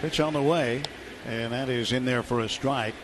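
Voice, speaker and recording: This is live sports commentary: an American man's radio call of a baseball game, delivered in clipped descriptive phrases at medium pitch and a moderate pace. He's in an outdoor ballpark broadcast booth, and the recording is noisy.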